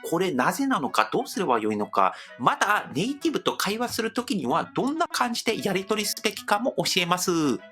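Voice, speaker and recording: A man's voice: high voice, quick pace, few pauses, faint music behind. A man from Seoul with a Korean accent, a native Korean speaker, hosting a language-learning video and explaining with demonstrative examples. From Seoul, South Korea. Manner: lively, animated delivery with demonstrative examples. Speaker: host.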